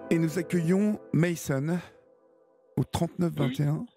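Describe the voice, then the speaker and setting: A man hosting a late-night call-in radio show, asking his callers questions in a gentle, attentive way. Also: a little high, measured pace, soft background music. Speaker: radio host.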